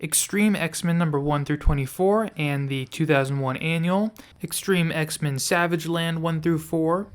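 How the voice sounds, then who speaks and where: A man's voice: on the high side, measured pace, hardly any pauses, smooth. A man hosting a casual comic book review channel, talking in a chatty, friendly way with self-deprecating asides. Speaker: YouTube host reviewing comic book collections.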